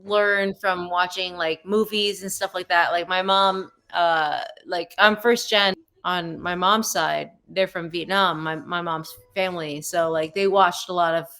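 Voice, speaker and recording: A woman's voice: on the low side, fairly even intonation, unhurried, few pauses, bright, forceful tone. A young woman from the USA chatting on a video call, talkative and emphatic as she teases her partner. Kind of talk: casual video chat.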